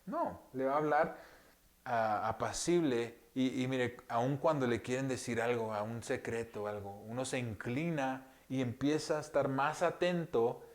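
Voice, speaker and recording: A man giving a conversational sermon as pastor, speaking gently with many pauses, fillers and rhetorical questions, often dropping to a hushed voice. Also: medium pitch. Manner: drops to a hushed soft voice often. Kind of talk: sermon teaching.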